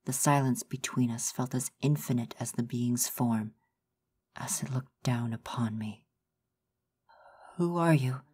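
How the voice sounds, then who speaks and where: Woman narrator, ASMR horror reading; deep, mellow, measured, formal delivery. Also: fairly even intonation, slightly rough.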